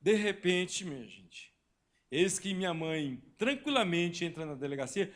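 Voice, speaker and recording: A man's voice: sits high, animated, a little slow. A man in his forties from Brazil, a pastor telling a personal story in a church sermon, acting out voices and sound effects. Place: church hall.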